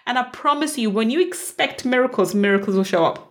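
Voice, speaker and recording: A woman podcast host with a fairly high voice that has gone croaky and a little hoarse. She speaks as an earnest mentor, stressing and repeating her key phrases in a motivational monologue. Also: lively intonation, a little fast. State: croaky voice, not as clear as usual.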